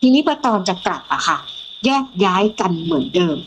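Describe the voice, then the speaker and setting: A middle-aged woman from Thailand tells a ghost story from her own life in a lively way. She acts out the voices of the people in it. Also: lowish voice, a little fast, slight background noise, poor audio. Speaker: guest storyteller.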